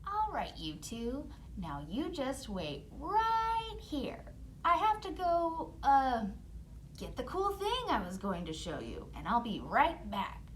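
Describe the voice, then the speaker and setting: A woman's voice: high voice, huge pitch swings, slow, a little hiss or hum, pitched above the performer's own voice, full character voice, rough recording. A woman voicing a selfish, scheming stepmother in a children's storybook, exaggerated, wheedling and falsely nice. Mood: falsely sweet.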